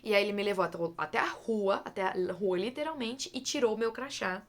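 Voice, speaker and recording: A young woman from Brazil telling a personal story in a casual, lively way, repeating words for emphasis and talking straight to her listeners. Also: mid-range voice, a little fast.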